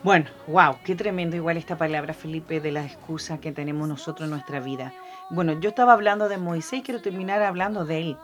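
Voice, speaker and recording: A woman's voice: deep voice, fast talker, soft background music. Woman with mixed Chilean accent preaching. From Argentina. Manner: preaching, frequent "amén" and "¿cierto?" tags. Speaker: podcast co-host.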